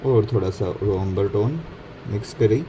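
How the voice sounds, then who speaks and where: A man's voice: on the low side, moderate pace. A man narrating a casual painting tutorial, mixing Hindi and English and correcting his own slips as he goes. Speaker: painting instructor. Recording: faint background noise.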